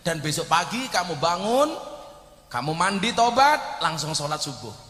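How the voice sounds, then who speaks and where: A man with a Javanese accent preaching a humorous sermon, telling animated stories and shouting out his punchlines. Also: fairly high pitch, moderate pace. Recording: echoey hall reverb.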